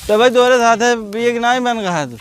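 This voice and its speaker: A man's voice: extremely high pitch, fast talker. A man playing a drunk village son in a rural comedy sketch, slurred and rambling, repeating himself in a Bhojpuri accent. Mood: pestering.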